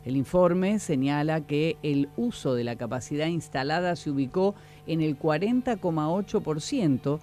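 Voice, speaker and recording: A man's voice: on the high side, normal speed, hardly any pauses, soft background music. Formal male radio newsreader. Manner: steady, formal news delivery. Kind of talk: scripted radio news reading.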